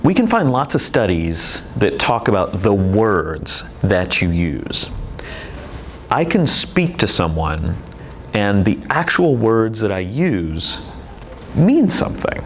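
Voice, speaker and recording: A man's voice: lowish voice, sing-song, slow pace, slight background noise, low-quality recording. A man teaching presentation skills in a video lecture, explaining expressively with demonstrations. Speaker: presentation instructor.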